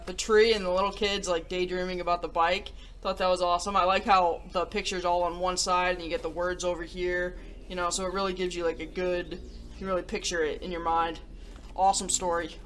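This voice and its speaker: Mid-range and fairly bright, a woman's voice carries an enthusiastic, theatrical read-aloud. She hosts a story-time show for children, reading picture books and offering cheerful reviews of them.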